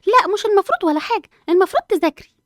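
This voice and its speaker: A woman's voice: very high voice, animated, rapid-fire, dry recording, clean studio sound. A woman voicing a sensible, studious schoolgirl twin with an Egyptian accent, lecturing her sister. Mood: indignant. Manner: indignant, lecturing.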